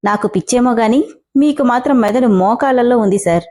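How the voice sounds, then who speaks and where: A bold young heroine who talks back to her boss with cheeky, drawn-out mockery, as a woman reading the story plays her. Her voice is soft and mellow but fairly high, and it keeps a teasing bite. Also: close to an everyday voice. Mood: defiant mocking. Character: defiant sharp-tongued young woman employee.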